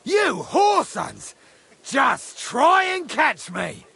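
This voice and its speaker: An actor playing a hot-tempered, mustached army corporal who curses defiantly in a video game. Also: male voice, very high voice, huge pitch swings, a little slow, fairly bright tone, husky, no room sound, heavily acted. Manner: defiant, cursing.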